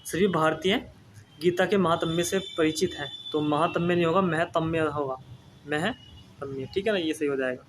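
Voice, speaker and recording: Man, young adult, exam-prep spelling lesson, patient repeating manner, higher voice. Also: brisk, slight background noise. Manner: explains patiently, repeats words, often says "ठीक है ना". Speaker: teacher.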